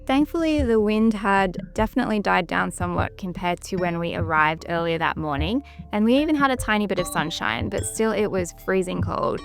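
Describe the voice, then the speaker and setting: Female travel narrator, mid-pitched, some vocal fry, measured descriptive storytelling over a music bed. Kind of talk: scripted documentary-style narration.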